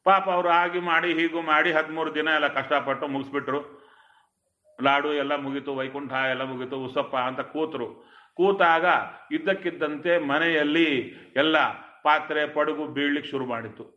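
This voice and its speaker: A man's voice: on the high side, pushed and bright. A man giving a religious discourse, asking his listeners rhetorical questions and quoting Sanskrit verses. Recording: echoey, dull lo-fi recording.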